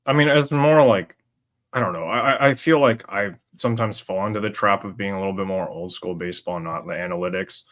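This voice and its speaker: A man co-hosting a casual sports podcast, talking in halting bursts with stammered restarts and fillers. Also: on the low side, a bit bright. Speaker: podcast co-host.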